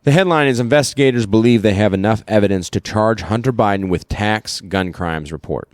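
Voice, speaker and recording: A man's voice: fairly low pitch, brisk, no room sound, clean studio sound. A man with a Midwestern American accent co-hosting a casual political podcast, rambling and reading news articles aloud with many fillers. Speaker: podcast co-host.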